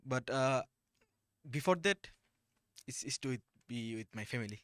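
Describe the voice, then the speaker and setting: A young man from Bangladesh, a university student, giving earnest, halting answers as a talk show guest. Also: mid-range voice, lively intonation, fairly bright tone, dry recording. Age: young adult. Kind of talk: casual interview answers.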